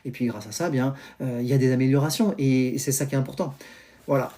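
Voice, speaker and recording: Chatty French teacher explaining to parents. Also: male voice, mid-range voice, quick pace. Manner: animated, explanatory, many fillers and restarts. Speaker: teacher and pedagogy trainer. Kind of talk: live-stream advice talk to parents. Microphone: phone or computer mic on a live stream.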